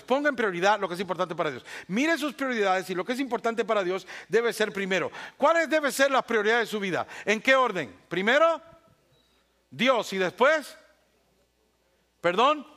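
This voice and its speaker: A man preaching a sermon as pastor, swinging between loud bursts and hushed asides, with playful humor. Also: sits high.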